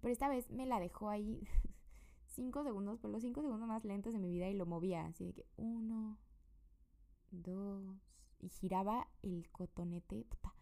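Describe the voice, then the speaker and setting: Young Mexican woman, podcast host, rambling casual monologue, low-bright tone with a gravelly edge. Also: normal speed. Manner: chatty and rambling, many fillers. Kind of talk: casual personal update monologue. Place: her room.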